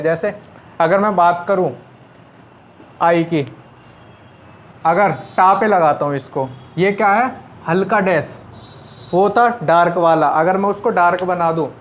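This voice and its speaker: A man with a fairly high voice teaches a shorthand class, talking casually and going over each step again as he writes it out. The sound is a little dull and lo-fi. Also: a little hiss or hum. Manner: talks while writing on a board, repeats and explains step by step.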